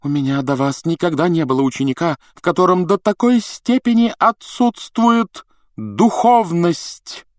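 A dreamy, mystical female divination teacher, which a man puts on in a raised voice for an audiobook, drawing every phrase out in a slow croon. The sound is dry and close. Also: medium pitch, no room sound, pitched above the performer's own voice, lightly acted. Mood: cold offended. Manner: drawn-out, crooning delivery.

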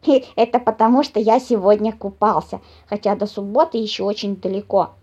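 A woman voicing a proud, cheerful little bear cub who talks in a hurried way. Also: medium pitch, fairly even intonation, dark tone, breathy edge, muffled recording, natural voice.

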